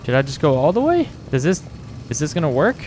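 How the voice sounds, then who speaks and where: An amused, jokey man hosting a gaming video, exclaiming and yelling excitably as he comments on the gameplay. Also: a little high, quick pace, slight background noise.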